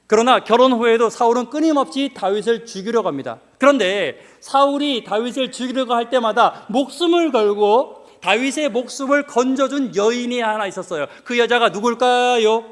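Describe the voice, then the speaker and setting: A man preaching a sermon in a church hall, lively and full of questions and jokes for the congregation. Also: very high voice, normal speed, hardly any pauses. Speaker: pastor.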